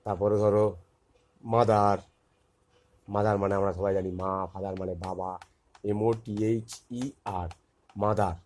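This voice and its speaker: A man's voice: deep voice, little pitch movement, a little fast, warm tone, a little hiss or hum. A man with a Bengali accent teaching a phonics lesson to young children, spelling words letter by letter and repeating them.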